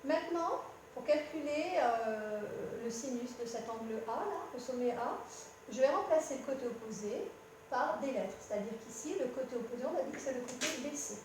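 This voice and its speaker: A high-pitched woman teaching a math lesson, patient and talking straight to the student. She often corrects her own slips. The room is very echoey, with a faint hum underneath. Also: expressive, moderate pace, a little mellow, recorded from a distance. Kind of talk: explaining a lesson at a board.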